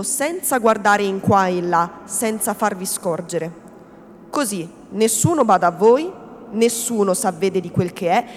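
A woman's voice: mid-range voice, natural voice. Scheming male notary, soothing and false, read by a woman, in a reverberant hall. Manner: coaxing, falsely kindly, then stern. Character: smooth-talking scheming middle-aged male notary. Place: reading event in a hall. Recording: long hall reverb, faint background noise.

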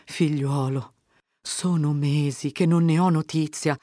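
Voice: medium pitch, steady tone, dark tone, no echo, studio quality, natural voice. A reader voicing an anxious older village mother who fires off worried questions. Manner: worried, pleading, rapid questions.

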